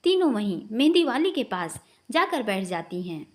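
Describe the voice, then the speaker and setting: A woman storyteller giving a steady, expressive scripted narration. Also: fairly high pitch, normal speed.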